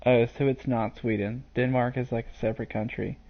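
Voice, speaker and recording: Talking a little fast with a flat delivery, this male game streamer narrates his live gameplay in an ordinary mid-range voice. His commentary wanders and hesitates, packed with ums and uhs, and the mic sounds dull and lo-fi.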